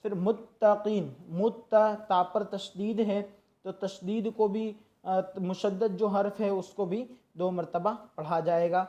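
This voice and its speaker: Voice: mid-range voice, steady tone, measured pace, dark tone, highs cut off. A Quran reading teacher giving a tajweed lesson, patiently explaining and drawing out syllables to demonstrate correct recitation.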